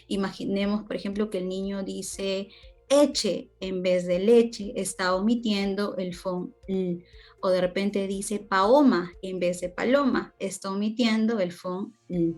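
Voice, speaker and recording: A woman giving a group class presentation, speaking deliberately and drawing out her examples. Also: medium pitch, steady tone, darkish tone, soft background music. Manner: slow, deliberate, drawn-out examples. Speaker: student presenter.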